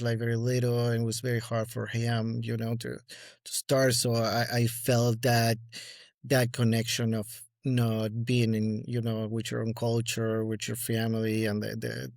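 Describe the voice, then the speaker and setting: A man in his forties with an Argentine accent speaks as a guest collector in a casual interview, full of fillers and restarts. His voice is medium in pitch and somewhat dark, with a level tone and moderate pace. The studio-quality recording has no room sound.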